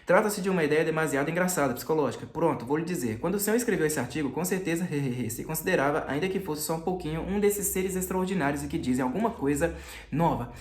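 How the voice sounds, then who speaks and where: A man reading aloud as a fawning, probing magistrate who talks fast and pitches his voice a little higher and louder than the narration. The room around the voice is audibly echoey, giving the storybook reading a roomy sound. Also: natural voice. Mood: insistent. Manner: insistent, chatty, falsely friendly. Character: fawning, probing middle-aged male magistrate. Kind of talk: audiobook character voice. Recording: roomy echo.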